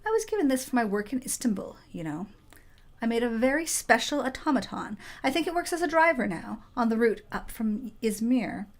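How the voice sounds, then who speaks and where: A woman voicing a brusque, grumbling working woman engineer with a Yorkshire accent, loud and blunt. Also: on the high side, sing-song, fairly quick, pitched above the performer's own voice. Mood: cheerful.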